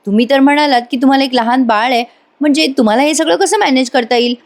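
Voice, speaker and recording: A woman reading the lines of a businesslike male interviewer from a serial, slow and measured. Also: high-pitched, pitched above the performer's own voice.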